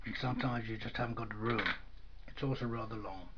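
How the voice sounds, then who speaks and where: Quick-paced and fairly even in intonation, a man with a lowish voice demonstrates a product hands-on at an indoor workbench. He keeps it informal, understated, and dry. His camera microphone produces a dull lo-fi recording with clear noise.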